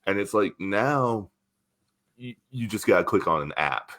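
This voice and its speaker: A man in his thirties hosts a relaxed podcast chat, easygoing and full of fillers, swearing now and then. His voice sits low and deep. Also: unhurried. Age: 30s. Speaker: podcast host, musician.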